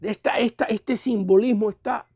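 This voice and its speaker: A male pastor teaching a Bible seminar, asking rhetorical questions and swinging between loud and soft. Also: high voice, steady tone, moderate pace, dry recording, clean studio sound. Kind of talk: sermon.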